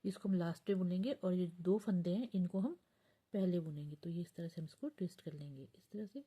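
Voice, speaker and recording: A woman giving a patient step-by-step knitting tutorial, counting stitches aloud and often dropping to a soft near-whisper. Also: lowish voice, fairly quick, husky. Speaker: knitting teacher.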